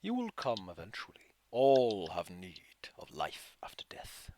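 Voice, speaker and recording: A man voicing a solemn, ancient dead spirit in a hushed, breathy soft voice, as ASMR role-play in a tabletop game. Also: lowish voice, huge pitch swings, measured pace, no room sound, voice pushed down. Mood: solemn, ominous. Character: solemn ancient corpse star spirit offering dark gifts.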